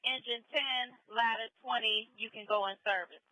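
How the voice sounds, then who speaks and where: A woman's voice: fairly high pitch, steady tone, normal speed, bright, forceful tone, dry recording. A woman working as a fire dispatcher on urgent firefighter radio, repeating back reports in clipped, procedural phrases. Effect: two-way radio. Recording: dull lo-fi radio audio.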